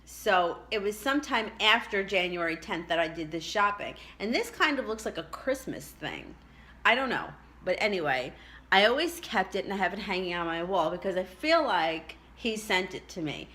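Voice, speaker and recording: A middle-aged woman chatting casually and reflectively as she tells a personal story, with halting asides. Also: medium pitch, fairly bright tone. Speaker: vlogger telling a personal story.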